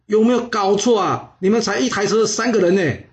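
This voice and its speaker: Give me a man playing a cowardly ancient king who stammers, pitched high. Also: a little fast, a little hiss or hum. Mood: scornful. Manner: stammering, raised voice. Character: panicking ancient male ruler, boastful then cowardly.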